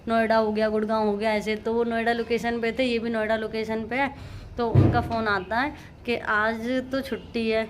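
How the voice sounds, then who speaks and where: A woman's voice: on the high side, level tone, normal speed, slight background noise. A woman chatting straight to her viewers in a casual family vlog, filmed at home on a handheld phone. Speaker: vlogger mother. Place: at home, later on the rooftop. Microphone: handheld phone camera.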